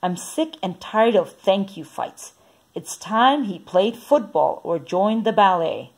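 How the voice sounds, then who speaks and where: A woman's voice: medium pitch, animated, takes it slowly, darkish tone. A woman voicing an exasperated, impatient father in a storybook reading. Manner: scolding, exasperated.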